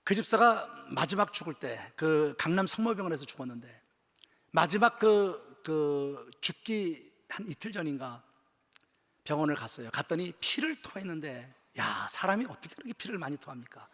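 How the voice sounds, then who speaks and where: An older male pastor with a fairly high voice preaches to his congregation. He tells his story in a hushed voice that drops nearly to a whisper, then climbs to loud, shouted peaks. The sound carries the long reverb of a large church hall. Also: very animated, moderate pace. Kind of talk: sermon at a church retreat. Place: church sanctuary.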